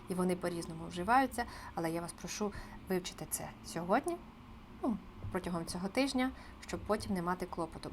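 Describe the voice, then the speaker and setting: A woman teaching a beginners' language lesson on video, explaining patiently and slowing down to repeat example phrases. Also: mid-range voice, slight background noise. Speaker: Spanish teacher.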